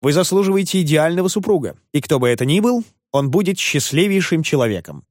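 A man playing a sly, gallant traveling salesman who speaks knowingly and soothes with flattery, his lines lively in pitch. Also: fast talker, dry recording, clean studio sound.

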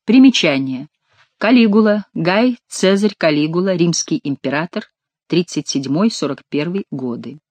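Measured audiobook narrator, dry sound. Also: medium pitch, expressive, darkish tone, no echo.

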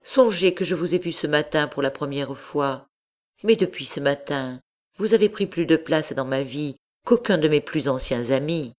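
Une femme faisant la voix d'une marquise condamnée qui se confesse, au phrasé formel et mesuré, dans un livre audio. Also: female voice, low-pitched, animated, a little mellow. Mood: pleading. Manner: measured, formal old-fashioned speech. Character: condemned noblewoman confessing, devout and anxious.

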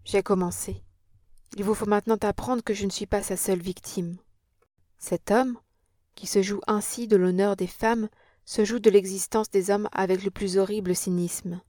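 A woman's voice: mid-range voice, fairly even intonation, normal speed, mellow, no room sound, studio quality, natural voice. A woman reading an audiobook and voicing an impassioned young Parisian woman with an earnest, dramatic manner.

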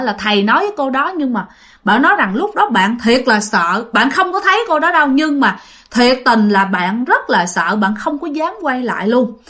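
A woman's voice: on the high side, a bit bright. A woman telling a ghost story in a chatty, informal way, speaking straight to her listeners.

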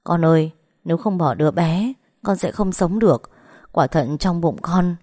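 A woman's voice: fairly low pitch, animated, normal speed, warm tone, no room sound, studio quality. A woman voicing a grieving older mother who begs her daughter while weeping. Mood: begging. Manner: begging through sobs.

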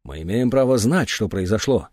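A man's voice: lowish voice, lively intonation, moderate pace, darkish tone, no echo, clean studio sound. A man reading aloud, voicing a determined man who takes charge and asks firm questions.

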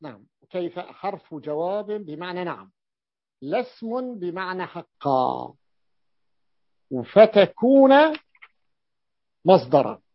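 A man's voice: sits high, very animated, takes it slowly, long pauses, dry recording, muffled recording. A man teaching a grammar lesson, explaining step by step and repeating key points for his students.

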